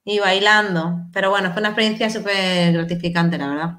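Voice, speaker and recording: A woman's voice: medium pitch, fairly even intonation, brisk, a bit bright. A woman, a guest actress chatting familiarly with the host on a live stream. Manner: familiar, calls the host "hija" and "niña". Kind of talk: casual live-stream chat.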